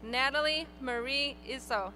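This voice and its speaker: A woman reading graduates' names one by one at an outdoor graduation ceremony, in a clear, measured announcing manner. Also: sits high, pushed and bright, slight background noise. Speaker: graduation name reader. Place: outdoor stadium ceremony over PA.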